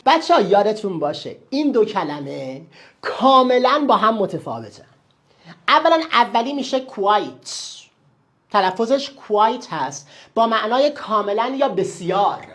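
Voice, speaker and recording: A woman's voice: medium pitch, big pitch swings, fairly bright tone. A woman teaching English words, often stopping to quiz the listener with short questions. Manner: quizzing the listener with quick questions. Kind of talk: teaching vocabulary to learners.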